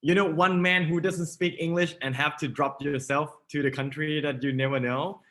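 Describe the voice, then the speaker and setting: Chatty Thai man with bright voice. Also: fairly high pitch, steady tone, moderate pace. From Thailand. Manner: chatty, laughs often, non-native phrasing. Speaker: startup co-founder, guest. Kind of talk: casual interview.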